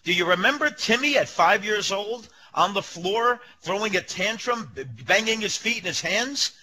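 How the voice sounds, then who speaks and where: A man's voice: high-pitched, lively intonation, normal speed, pushed and bright, slight background noise, poor audio. A man co-hosting a comedy show, ranting in an exasperated way.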